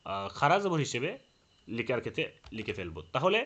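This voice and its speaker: A man's voice: medium pitch, big pitch swings, a little fast, a bit bright. A man teaching a lesson on Quran recitation rules, explaining step by step with frequent "ah" fillers and restarts.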